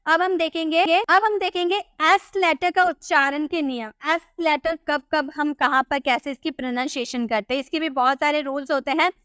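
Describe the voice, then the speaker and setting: A woman teaching English pronunciation in a tutorial, explaining rules patiently, asking rhetorical questions and repeating example words slowly. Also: sits high, steady tone, fairly bright tone, no room sound, clean studio sound.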